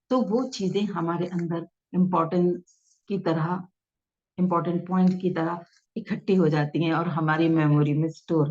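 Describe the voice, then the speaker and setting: A woman's voice: on the low side, darkish tone. A woman teaching in a patient, instructive way, repeating her points and reading passages aloud with expression. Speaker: self-help teacher. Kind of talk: explanatory talk to camera. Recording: dull lo-fi sound.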